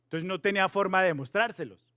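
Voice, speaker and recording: A man in his thirties with a high voice gives a playful, animated youth sermon, telling a story and slipping English words in. The sound is close and dry, with no room echo. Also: fast talker. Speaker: youth pastor.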